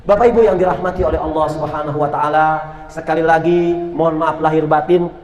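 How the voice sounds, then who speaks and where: A man preaches to a mosque congregation and brings his stories to life by acting out each voice. His voice sits high for a man. The sound carries a long reverb from a large hall. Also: fairly quick. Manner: animated, acts out voices in stories. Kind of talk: mosque sermon with storytelling.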